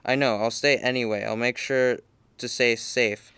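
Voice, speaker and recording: A man's voice: mid-range voice, fairly even intonation, moderate pace, a bit bright, clear, resonant tone, dry recording, lightly acted. A man reading aloud, voicing an earnest, stubborn young woman.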